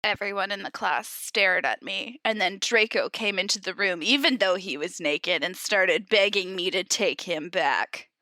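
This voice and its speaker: A woman's voice: mid-range voice, measured pace, few pauses, bright, forceful tone, no echo. A woman co-hosting a comedy podcast, giggly and exclamatory, moving between casual chat and mock-dramatic story reading. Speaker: podcast co-host.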